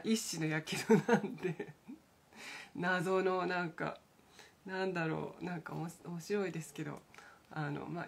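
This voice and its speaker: A middle-aged woman with a husky, breathy voice pitched on the low side chats casually on a morning live stream. She meanders from thought to thought, hesitating often and slipping in soft, self-amused asides. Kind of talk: casual rambling chat.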